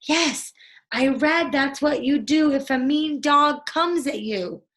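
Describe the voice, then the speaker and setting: An anxious young boy from a storybook, acted out by a woman, protective and bossy as an older brother. He speaks high and slowly, with urgent, emphatic commands. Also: fairly bright tone. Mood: urgent, commanding.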